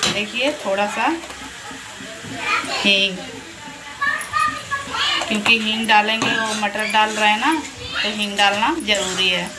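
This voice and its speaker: Over a frying pan in her home kitchen, a woman hosting a cooking channel narrates each recipe step slowly at medium pitch with a flat delivery and frequent pauses. Loud music plays behind her voice, and loud frying, sizzling and stirring run underneath as she patiently says "dekhiye" to point things out.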